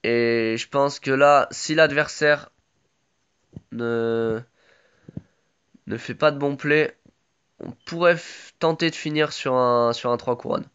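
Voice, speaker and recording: A man's voice: mid-range voice, slow, long pauses, a bit bright, smooth, highs cut off. A man with a sore throat giving casual live commentary on his own game, chatty and full of gamer slang.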